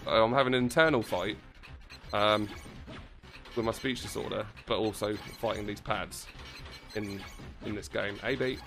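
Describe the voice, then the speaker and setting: Brief: male gamer, low-pitched, rambling excitable stream chatter over game music, close mic. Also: measured pace, long pauses. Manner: excitable, rambling, swears casually. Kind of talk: casual livestream commentary while playing. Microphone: close desk mic. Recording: game music playing behind.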